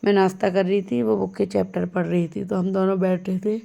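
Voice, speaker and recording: A woman's voice: medium pitch, little pitch movement, a little fast, vocal fry, mellow. A young adult woman chatting casually as she tells the story of her day in a home vlog. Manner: chatty, storytelling, laughs often. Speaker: vlogger.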